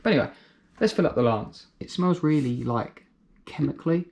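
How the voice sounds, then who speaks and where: A man's voice: on the high side, expressive, brisk, creaky, darkish tone. A man giving a casual product review, chatty and thinking aloud as he explains. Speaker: car care reviewer.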